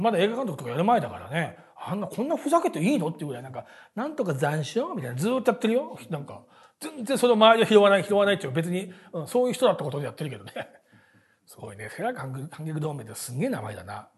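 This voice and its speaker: A very husky, breathy man in his forties chats at a quick clip, his pitch swinging lively up and down. He rambles through anecdotes with plenty of fillers and restarts, laughing often as he goes. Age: 40s. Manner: chatty storyteller, many fillers and restarts; laughs often while talking. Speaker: podcast host. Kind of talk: casual rambling monologue.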